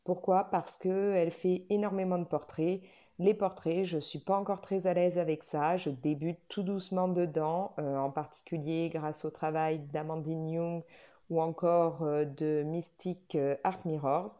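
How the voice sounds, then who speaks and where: A woman's voice: low-pitched, steady tone, unhurried, warm tone. A woman vlogger chatting casually about a coloring book, with frequent hesitations and restarts. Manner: hesitant, many fillers and restarts. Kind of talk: casual video chat.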